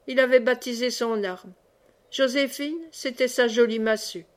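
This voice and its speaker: A woman reading a novel aloud in steady, clear narration. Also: a little high. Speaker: audiobook reader. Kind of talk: scripted narration.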